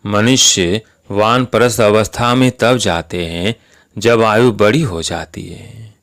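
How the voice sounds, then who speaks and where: A man reading a spiritual discourse aloud in a calm, measured, instructive way. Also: on the low side. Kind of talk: slow devotional sermon reading.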